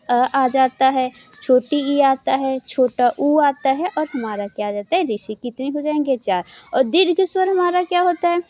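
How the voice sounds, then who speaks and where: A woman's voice: sits high, darkish tone, no room sound. A woman teaching an exam-prep grammar lesson. She asks questions and answers them herself, and stretches out sounds to show them. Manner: asks and answers her own questions, drawls sounds to demonstrate.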